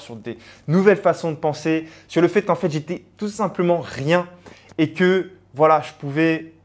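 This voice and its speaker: A young man, a personal branding coach, talking earnestly and directly to the viewer in a motivational vlog, with frequent fillers. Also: fairly high pitch. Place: abroad on travel.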